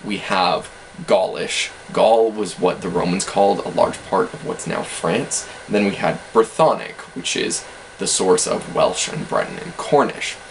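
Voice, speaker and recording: A man's voice: deep voice, gravelly, slight background noise, rough recording. A man casually explaining language facts in an educational video, hedging with self-deprecating asides.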